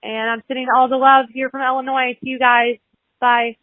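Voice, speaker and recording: A woman's voice: sits high, level tone, moderate pace, no room sound. A woman in her early twenties leaving an earnest, rambling voicemail over the phone. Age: early 20s. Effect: over a phone line, voicemail. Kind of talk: heartfelt voicemail message.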